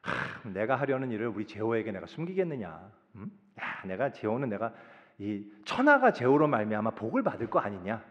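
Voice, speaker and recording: A preacher voicing God musing aloud. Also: male voice, on the low side, big pitch swings, a little fast, voice pushed down. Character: God speaking aloud, calm fatherly male deity. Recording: echoey hall, slightly dull sound.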